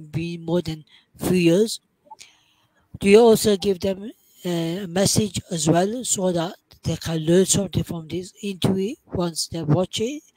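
A man's voice: sits high, dark tone, dry recording, poor audio. Young male interviewer, dry close sound. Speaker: interviewer, host. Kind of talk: interview questioning. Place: small room indoors on a video call. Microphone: headset mic.

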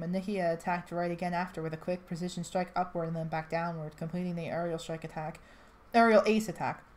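A woman's voice: lowish voice, dark tone, a little hiss or hum. A woman reading a fan story aloud in a casual way, with restarts and chatty asides. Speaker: reader. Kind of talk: amateur fan-fiction read-aloud.

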